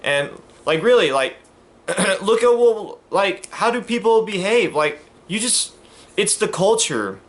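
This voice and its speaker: A man's voice: sits high, big pitch swings, measured pace. A man from the United States talking casually to camera as a vlogger, rambling and emphatic, with many fillers and restarts. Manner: earnest, emphatic.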